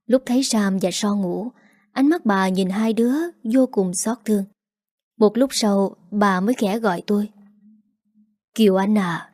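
A woman narrating a first-person audio story in a measured, emotional manner. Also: medium pitch, a little mellow, no room sound, studio quality.

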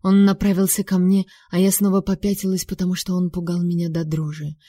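Dark-toned woman narrating an audiobook. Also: on the low side, little pitch movement, a little fast, no echo, studio quality. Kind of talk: first-person audiobook narration.

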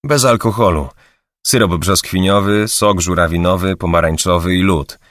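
A man's voice: low-pitched, moderate pace, a bit bright, no echo, studio quality. A man playing a talkative young bartender who likes to gossip, in an audiobook. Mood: eager. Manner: gossipy, eager to talk.

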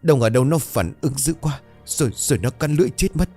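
A man voicing a guilty young village man in a spoken ghost story, higher, stammering and whimpering. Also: moderate pace, warm tone, faint music behind, close to an everyday voice. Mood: panicked.

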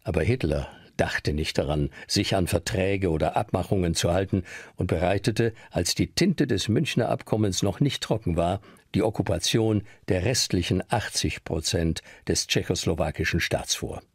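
Low-voiced male documentary narrator, dry sound. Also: normal speed, slightly rough, no room sound.

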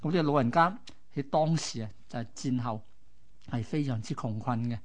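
With a Hong Kong accent, a male radio co-host tells stories conversationally in short, colloquial explanatory phrases. His voice is medium-pitched and brisk.

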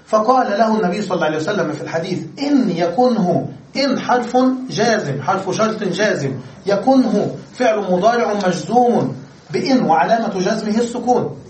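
A man's voice: high-pitched, lively intonation, fairly quick. Grammar teacher guy, explains point by point, roomy echo, faint hiss behind. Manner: explains step by step, checks understanding with questions. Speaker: Arabic grammar lecturer. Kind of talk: classroom grammar lesson. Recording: roomy echo, distant mic, faint noise.

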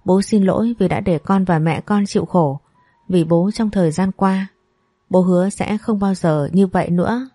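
A woman voicing a gentle, very polite young man who has just come back from abroad. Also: fairly low pitch, normal speed, dry recording, studio quality, natural voice.

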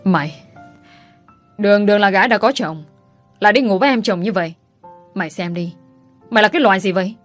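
A woman's voice: mid-range voice, fairly quick, long pauses, soft background music, close to an everyday voice. A woman doing a harsh, contemptuous angry father. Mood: furious. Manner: harsh berating.

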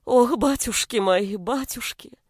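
A woman's voice: fairly high pitch, animated, moderate pace, darkish tone, no room sound, clean studio sound. A woman voicing a worn-out, tearful middle-aged mother who pleads and laments. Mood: lamenting.

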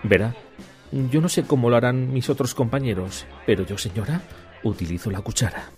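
Man doing a polite waiter, matter-of-fact, lively pitch, music bed behind. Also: moderate pace, close to an everyday voice. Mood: hushed. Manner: courteous, matter-of-fact explaining. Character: overly polite efficient male waiter. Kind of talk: amateur radio sketch.

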